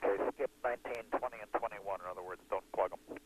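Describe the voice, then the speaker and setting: A man's voice: low voice, quick pace, slightly rough. A man as an astronaut in orbit, giving matter-of-fact status reports over a space-to-ground radio link. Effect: space-to-ground radio transmission. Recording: noisy radio downlink.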